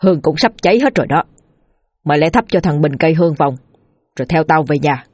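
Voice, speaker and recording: A woman voicing a blunt, gruff middle-aged father who scolds and swears harshly in a storybook reading. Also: low voice, expressive, quick pace, a little mellow, no echo, studio quality.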